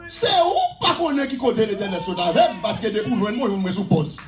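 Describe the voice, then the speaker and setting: A Haitian man preaching a fervent sermon as pastor, often shouting and repeating his phrases. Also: high-pitched, very animated, brisk, over music. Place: church. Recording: echoey church hall.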